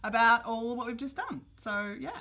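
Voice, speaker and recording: A woman's voice: fairly high pitch, moderate pace, bright, forceful tone. A young woman hosting for a publisher, bubbly and teasing, chatting casually and laughing often. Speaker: publisher's social media host. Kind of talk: casual chat.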